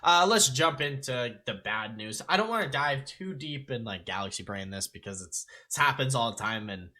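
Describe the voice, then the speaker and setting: Casual podcast co-host, man, bright tone, lively and laughing, swears easily. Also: medium pitch, moderate pace. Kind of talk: casual hockey podcast chat.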